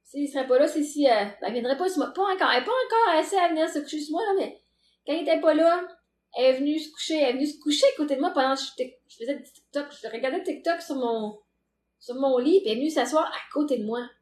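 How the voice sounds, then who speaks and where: A playful woman with a Québécois accent hosts a casual live chat, laughing easily as she talks. Her voice sits high and bright in pitch. The recording has a roomy echo around it. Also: expressive, quick pace. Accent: Québécois French. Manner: chatty and playful, laughs often. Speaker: livestream host chatting with viewers.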